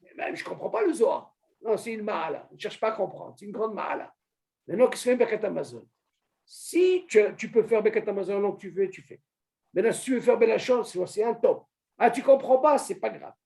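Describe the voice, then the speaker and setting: A man teaching an informal religious lesson to a small group, animated, asking questions and calling on a student by name. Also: high-pitched, fairly quick, creaky. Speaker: Torah teacher.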